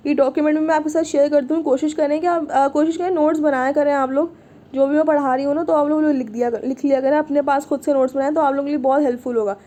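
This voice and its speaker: Woman teaching arabic online, high voice, patient, keeps going "theek hai". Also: fairly even intonation, fast, warm tone. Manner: patient, repeats "ठीक है" often. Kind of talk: online class lesson.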